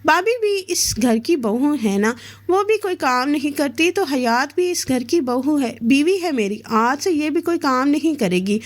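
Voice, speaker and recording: Woman reading young husband in a storybook romance, firm and protective, high-pitched read. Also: lively intonation. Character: young man, caring and quick-tempered husband.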